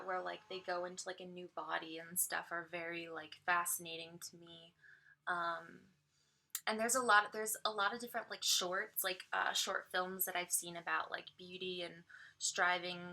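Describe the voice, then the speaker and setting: A young woman vlogging casually as she does her makeup, rambling and full of fillers, with a noticeable vocal fry. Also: on the low side, bright, forceful tone. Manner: rambling, filler-heavy, musing. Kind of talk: casual get-ready-with-me vlog.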